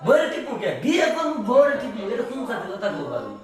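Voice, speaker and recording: A woman's voice: on the high side, huge pitch swings, rapid-fire. A woman playing a wheedling young brother-in-law. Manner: wheedling, pleading. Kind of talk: comic village skit acting. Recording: echoey room from far off, faint hiss.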